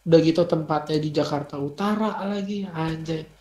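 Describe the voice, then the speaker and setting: Young man, host, casual reaction chat, slangy, excitable, echoey room. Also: on the high side, moderate pace, a little hiss or hum. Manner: excitable, slangy, repeats himself. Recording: roomy echo.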